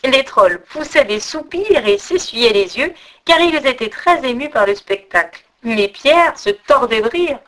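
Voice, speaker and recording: A woman with a fairly high voice reads a fairy tale aloud. She is expressive and turns to address her listeners directly. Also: measured pace, rough recording. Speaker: storyteller. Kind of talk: storybook narration.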